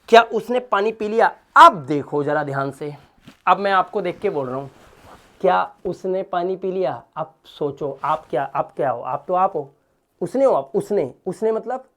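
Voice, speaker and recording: An animated male English teacher giving a spoken lesson in Hindi. He talks directly to his viewer and spells words out letter by letter. His delivery jumps between soft asides and loud, emphatic bursts. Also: fairly high pitch.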